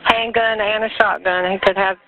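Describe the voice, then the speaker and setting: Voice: medium pitch, steady tone, moderate pace. A police dispatcher on the radio, giving procedural alerts and acknowledging units in ten-codes. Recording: narrow, noisy two-way police radio with clicks.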